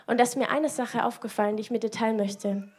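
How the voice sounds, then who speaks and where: High-voiced woman preaching earnestly. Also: steady tone, quick pace, breathy edge. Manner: earnest, searching rhetorical questions; speaks directly to the listener. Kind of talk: sermon.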